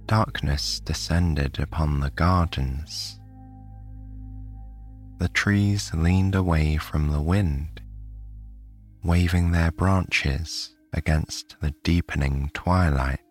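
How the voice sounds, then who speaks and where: A British man from the United Kingdom narrating a bedtime sleep story in a soft, soothing way. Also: a bass voice, slow, faint music behind.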